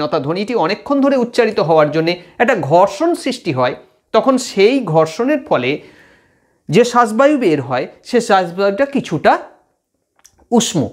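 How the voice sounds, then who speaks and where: High, lively-voiced man teaching phonetics. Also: fairly quick. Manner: patient, repeats and demonstrates sounds aloud. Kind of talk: explaining Bengali phonetics to students.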